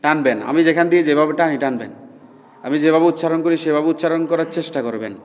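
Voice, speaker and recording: A man teaches recitation to a class. He drawls demonstration sounds slowly and keeps asking if everyone understands. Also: fairly high pitch. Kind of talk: classroom pronunciation lesson. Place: classroom with students. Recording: dull, reverberant hall recording.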